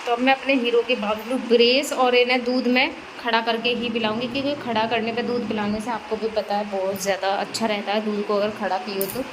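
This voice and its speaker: Woman, somewhat high voice, casual home vlogger walking viewers through daily care, steady rain noise behind. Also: brisk, hardly any pauses. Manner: chatty, explains each step to viewers. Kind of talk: casual home vlog narration. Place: at home during heavy rain.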